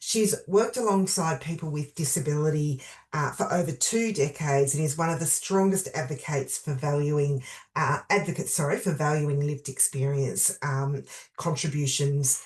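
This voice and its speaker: A woman chairing an event gives a formal spoken introduction in a halting, hesitant way. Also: deep voice. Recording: roomy, echoing sound.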